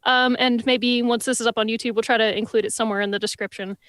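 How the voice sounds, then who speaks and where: Punning high-voiced podcast co-host. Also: female voice, fairly even intonation, fast talker, fairly bright tone, no echo, studio quality. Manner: punning, upbeat announcements. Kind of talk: live-stream podcast chat.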